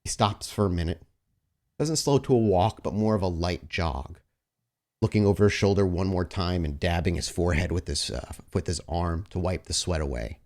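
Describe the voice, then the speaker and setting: As the narrator of a tabletop RPG session, a man uses a low, somewhat mellow voice at a moderate pace. His delivery is cinematic and richly descriptive as he sets the scene.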